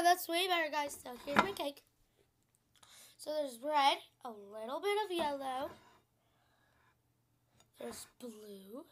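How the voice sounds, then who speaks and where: Bright, slow-talking young girl vlogging. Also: high voice, a little hiss or hum. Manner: chatty and giggly, quick to apologize. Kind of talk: casual food vlog. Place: home, indoors.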